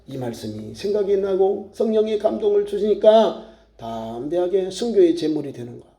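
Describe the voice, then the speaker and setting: High-voiced Korean preaching man. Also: sing-song, normal speed, gravelly, warm tone, echoey room. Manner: emphatic preaching with rising and falling delivery. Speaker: pastor. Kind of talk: sermon.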